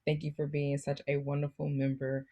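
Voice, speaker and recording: An American woman co-host with a notably low, gravelly voice. She speaks in an upbeat, enthusiastic hosting manner, cheering on her guests and addressing viewers directly. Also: monotone, a little fast, mellow. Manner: enthusiastic, celebratory.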